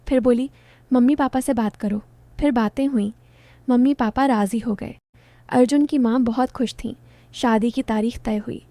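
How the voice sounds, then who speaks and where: Soft-toned woman telling a love story. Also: on the high side, no echo. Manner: gentle, simple short sentences. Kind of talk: first-person story narration.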